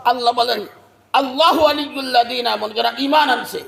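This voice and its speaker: A man preaching a sermon at a gathering, shouting and chanting verses in a sing-song voice. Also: extremely high pitch, a little fast, vocal fry, a crowd in the background, background noise. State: unwell. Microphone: loudspeaker microphone. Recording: echoey loudspeaker sound.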